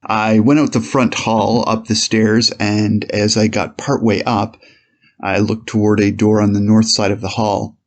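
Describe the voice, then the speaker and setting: In a dramatized courtroom reading, a man plays an 1890s police officer on the witness stand, testifying in a measured, formal, slightly hesitant way. His voice sits on the low side with a level tone, close to how he'd normally speak.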